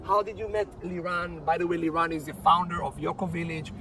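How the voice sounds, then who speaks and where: A man's voice: on the high side, fairly even intonation, a little fast, bright, forceful tone, a little hiss or hum, rough recording. A man hosting a podcast interview outdoors, chatty and often repeating words as he searches for phrasing. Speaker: podcast host. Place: outdoors on a property.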